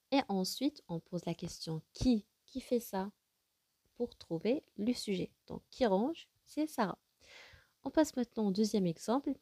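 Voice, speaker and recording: A woman gives a patient grammar lesson for young children. Her voice is mellow and warm, and the sound is close and dry with no room around it. She repeats examples slowly and answers her own questions. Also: medium pitch, no echo. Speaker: teacher.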